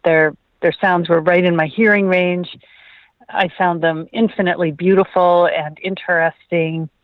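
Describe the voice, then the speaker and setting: A woman scientist telling her story as a guest in an interview, thoughtful, with pauses and hesitations. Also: lowish voice, no room sound. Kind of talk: remote interview. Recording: tinny phone line, dry.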